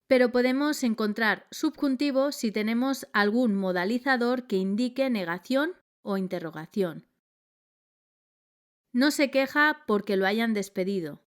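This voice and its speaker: A woman reading a scripted grammar lesson in a measured, clear delivery. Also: on the high side. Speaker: grammar teacher.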